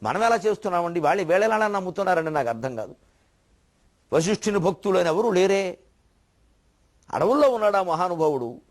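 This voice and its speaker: An older man delivers a spiritual discourse in a somewhat high voice. He scolds with indignation and piles up rhetorical questions. Now and then he slows to chant a verse. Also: animated. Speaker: spiritual orator. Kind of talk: Telugu religious discourse.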